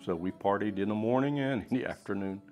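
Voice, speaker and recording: Relaxed low-voiced man in his sixties. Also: fast talker. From Pennsylvania. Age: 60s. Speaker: interviewee. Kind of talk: documentary interview storytelling.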